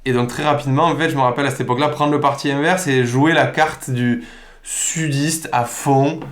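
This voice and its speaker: A man from Provence with a Provençal accent, a podcast guest telling stories in an animated, informal, slangy way. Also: mid-range voice, fairly quick. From Provence, southern France. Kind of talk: casual podcast conversation. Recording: roomy echo.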